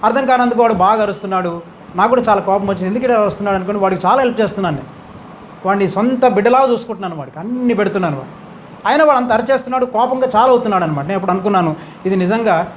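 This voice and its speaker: A man preaching a sermon in a high voice at a quick clip. He drives his points home with emphatic rising questions to the congregation. Faint room ambience sits behind him. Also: a little hiss or hum.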